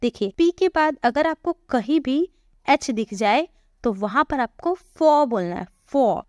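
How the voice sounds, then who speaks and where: An English teacher with a fairly high voice gives a spoken pronunciation lesson, close to the mic in a dry, dead room with no room sound. She patiently says each example word slowly and repeatedly, then poses a question and answers it herself.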